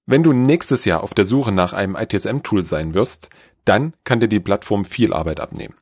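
A man hosts a podcast and reads an upbeat, scripted announcement straight to the listener. His voice is on the low side. The sound is close and dry. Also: animated, normal speed, a little mellow, breathy edge, no room sound. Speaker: podcast host.

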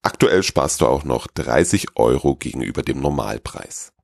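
A man hosting a podcast and reading a Christmas story in calm, measured storybook narration. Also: extremely low pitch, creaky, no room sound, studio quality.

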